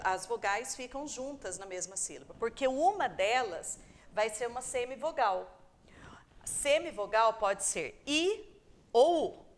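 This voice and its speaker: A woman from Brazil giving a calm, patient recorded review lesson to primary pupils, sounding out words syllable by syllable and checking in with "tá?". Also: on the high side. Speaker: teacher.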